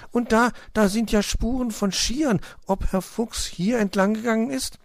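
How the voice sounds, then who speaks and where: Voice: sits low, moderate pace, a little mellow, husky, no room sound, studio quality. A man voicing a small, boastful and sulky boy hedgehog who whines eagerly. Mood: eager, whiny. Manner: whiny, eager.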